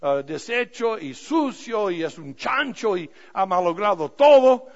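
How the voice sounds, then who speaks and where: An older man, a pastor, preaching a sermon with humorous personal stories, swinging between quiet asides and loud emphatic passages. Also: sits high, expressive, unhurried. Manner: storytelling with self-deprecating humor, swinging from soft to loud. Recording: dull lo-fi recording.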